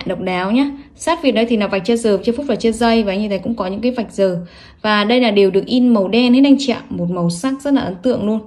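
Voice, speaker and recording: A woman's voice: mid-range voice, a little mellow. A woman selling products online in a salesy, emphatic showcase, running through specs and prices. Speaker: online watch seller presenting products.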